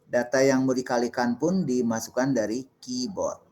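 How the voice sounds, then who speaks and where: A man's voice: medium pitch, fairly even intonation, normal speed, a little mellow. A middle-aged man, a lecturer, patiently answering student questions in a class and explaining step by step with examples. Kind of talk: classroom Q&A on assembly programming.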